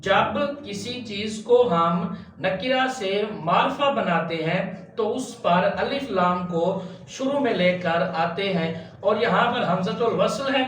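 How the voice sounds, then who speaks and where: A man teaching Quran recitation step by step, patiently spelling out letters and chanting long drawn-out syllables. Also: high voice, lively intonation, fairly bright tone, far from the mic. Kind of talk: step-by-step tajweed lesson. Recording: echoey room, voice off-mic, faint hum.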